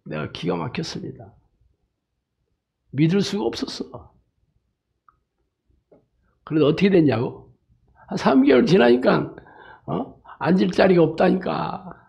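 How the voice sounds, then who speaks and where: Gravelly, animated male pastor preaching. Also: sits high, a little slow, long pauses. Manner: emphatic, frequent rhetorical "eh?" tags; tells jokes and anecdotes. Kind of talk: sermon.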